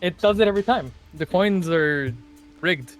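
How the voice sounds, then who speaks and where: A teasing, excitable man chatting as a streamer while they read a game together. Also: high voice, moderate pace, soft background music. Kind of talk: casual chat while reading a game together.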